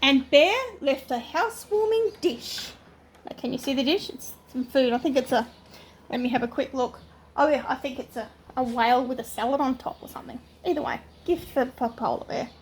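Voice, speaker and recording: A woman's voice: high-pitched, brisk, a little hiss or hum. An older woman, a sweet old lady and doting grandmother, reads a children's storybook aloud expressively and adds chatty asides for her grandchildren. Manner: animated, expressive reading.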